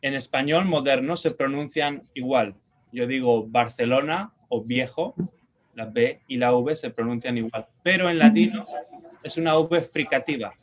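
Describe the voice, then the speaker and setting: Spanish-man teaching a language lesson. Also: medium pitch. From Spain. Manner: patient, repeats words slowly for pronunciation; checks in with short questions.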